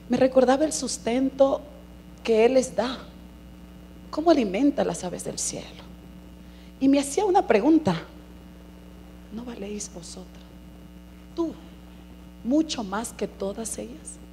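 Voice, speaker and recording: A middle-aged woman giving an earnest church testimony, calling listeners brothers and swinging from hushed to emphatic. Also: sits high, slight background noise. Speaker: congregation member giving testimony.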